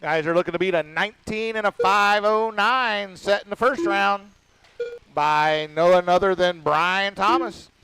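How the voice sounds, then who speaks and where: A man announcing a radio-controlled car race, rattling off lap counts and times in a casual, quick-fire way. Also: high-pitched, bright, forceful tone, a little hiss or hum, low-quality recording. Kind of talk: live race commentary.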